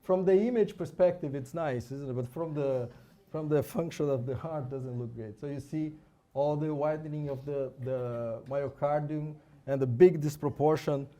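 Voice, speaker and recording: A Brazilian man with a Brazilian Portuguese accent gives a conference lecture in English about fetal hearts, accompanied by a live scan. His voice is on the high side and mellow, at a normal speed, and his informal talk is full of restarts and tag questions.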